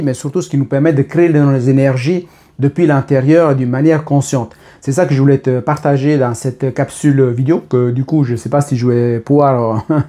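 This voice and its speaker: A man's voice: medium pitch, dark tone. A man in his thirties talking casually and spontaneously to camera, rambling with many fillers and restarts. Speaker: vlogger.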